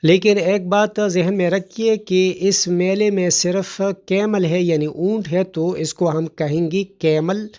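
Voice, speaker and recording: A man's voice: high voice, fairly even intonation, few pauses, darkish tone. A man giving a vocabulary lesson, explaining words patiently, spelling them out letter by letter and repeating them. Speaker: vocabulary teacher.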